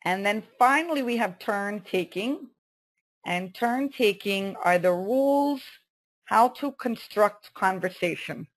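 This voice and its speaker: A woman teaching an online English lesson, saying vocabulary slowly and carefully and saying "okay" often. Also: mid-range voice, expressive. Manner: slow, careful pronunciation drills with many "okay"s.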